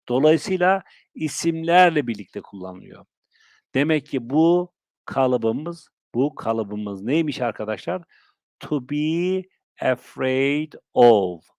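A male teacher with a Turkish accent giving a live-streamed vocabulary lesson, repeating and drilling phrases slowly for his viewers. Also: medium pitch, no echo, studio quality. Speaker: English teacher.

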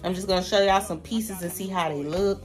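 In her home bedroom, a thirtysomething woman with a Southern US accent chats casually to camera, showing her viewers her new things. Her medium-pitched voice stays steady and brisk, with soft music in the background. She's playful and chatty, speaking straight to her audience.

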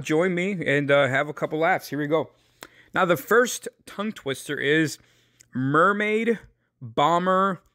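Brash young male car vlogger, swears casually, light higher voice, dry studio-close mic. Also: pushed and bright, no room sound. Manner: brash, joking, swears freely. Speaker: car video host. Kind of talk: casual car review monologue.

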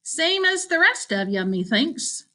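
A woman's voice: very high voice, big pitch swings, a little slow, sharp tone, pitched above the performer's own voice, full character voice. A laid-back teenage stoner boy who drawls in loose slang, as a woman narrator puts him on. His lines come out lifted and easygoing. An audiobook reading.

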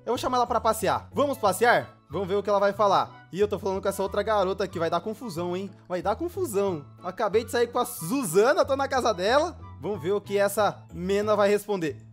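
A Brazilian man calls out his gameplay in a lively, bouncy voice that leaps up and down in pitch. He exclaims and jokes straight to his viewers, with soft music playing faintly underneath. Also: fast talker, hardly any pauses. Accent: Brazilian Portuguese. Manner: excitable, exclaiming and joking to the viewer. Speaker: gaming YouTuber. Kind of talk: playful gameplay commentary.

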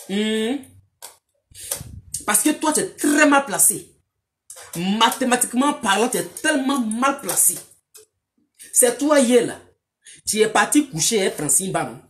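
A woman, delivering a mocking, scolding monologue aimed at a man, repetitive and emphatic. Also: mid-range voice. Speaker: online commentator.

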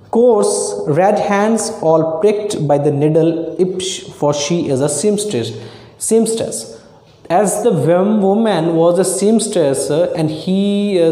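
A man teaching a story to a class, explaining it line by line and often pausing on fillers and restarts. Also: on the high side, dark tone. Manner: halting, many fillers and restarts. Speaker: English teacher. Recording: echoey room with long reverb.

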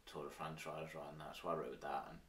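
Manx guy in his thirties, deep voice, casual interview chat, bit far from the mic. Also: little pitch movement, fast talker, a bit bright. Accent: Manx, Isle of Man. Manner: informal, with frequent "sort of" and "like". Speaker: interview guest, former professional cyclist.

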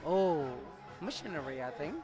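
A man in his thirties answering a street interview, talking in animated, laughing bursts into a handheld mic outdoors at night. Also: a little high, normal speed, music in the background. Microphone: handheld mic held out by interviewer.

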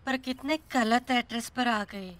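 An actor playing a flirty, scheming middle-aged aunty who talks in a coy, teasing way. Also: male voice, extremely high pitch, steady tone, measured pace, a bit bright.

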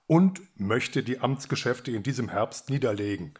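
A man's voice: mid-range voice, expressive, moderate pace, close to an everyday voice. A man voicing an aging, fussy king who hesitates and then blusters. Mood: weary. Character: aging fussy king, weary and easily irritated.

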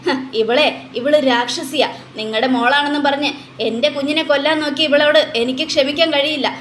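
Storybook mother figure, furious and scolding, read by a woman; high-pitched, echoey room. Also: fairly even intonation, brisk, fairly bright tone, a little hiss or hum. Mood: fierce. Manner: fierce, scolding. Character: angry young mother defending her baby.

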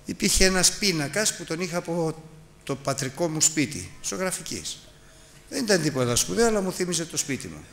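A man's voice: a little high, sing-song, a bit bright. A middle-aged man preaching a Bible lesson to his congregation. He tells a personal story, then urges his listeners directly. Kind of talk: Bible teaching sermon.

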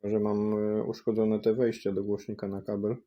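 Brief: deeper-voiced guy doing a casual gadget unboxing, unsure and halting, on a cheap USB mic. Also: little pitch movement, highs cut off. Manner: hesitant, thinking aloud with many fillers. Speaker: product tester vlogger. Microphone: cheap USB microphone.

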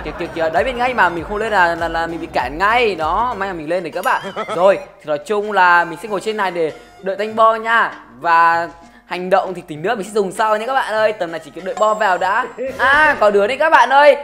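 A woman's voice: mid-range voice, quick pace, fairly bright tone. A woman hosting a gaming channel, giving playful, teasing commentary as she plays, laughing often. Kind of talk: casual game commentary. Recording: game music behind the voice.

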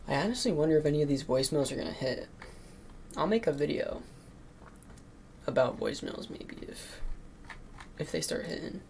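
A teenage man with a gravelly, fry-heavy voice pitches his marketing service on cold calls, with a faint hiss behind him. He talks nervously, filling gaps with "um" and "like". His voice sits at an ordinary pitch for a man. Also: animated, fast, darkish tone. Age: teens. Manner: nervous, lots of fillers like "um" and "like". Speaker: marketing agency owner cold calling. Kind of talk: recorded cold calls and casual commentary.

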